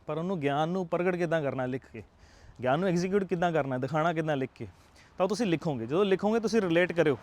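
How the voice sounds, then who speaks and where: A man's voice: a little high, darkish tone. A young man with a Punjabi accent, an IELTS tutor giving earnest, coaxing advice to camera. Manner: earnest, coaxing, checks in with rhetorical tags. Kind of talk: motivational talk to camera.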